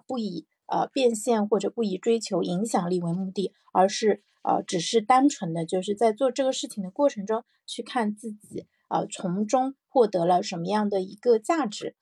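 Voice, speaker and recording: Woman chatting reflectively, with a creaky, husky voice. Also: medium pitch, mellow, dry recording. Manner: conversational, thinking aloud with repeated phrases and rhetorical check-in questions. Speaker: host of a personal morning audio show. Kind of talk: casual reflective solo podcast talk.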